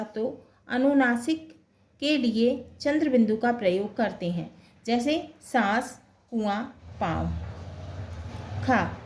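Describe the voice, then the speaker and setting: A woman's voice: fairly high pitch, darkish tone, echoey room. A woman teaching a Hindi grammar lesson, asking questions, answering them herself and repeating key terms. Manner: slow and deliberate, spelling out sounds one by one. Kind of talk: classroom lesson explaining grammar.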